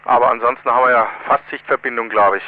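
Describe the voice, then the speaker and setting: A man chatting casually as he runs an amateur radio check-in over walkie-talkie, in brisk, clipped radio procedure talk. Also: mid-range voice, fairly even intonation, no echo. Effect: two-way radio, walkie-talkie. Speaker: amateur radio net controller. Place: closed container. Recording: narrow, tinny walkie-talkie radio sound.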